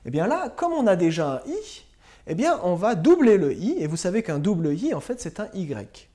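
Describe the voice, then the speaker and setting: A woman teacher giving a slow, patient spelling and grammar lesson to young pupils, spelling words out letter by letter. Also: on the low side, big pitch swings, warm tone. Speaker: primary school teacher.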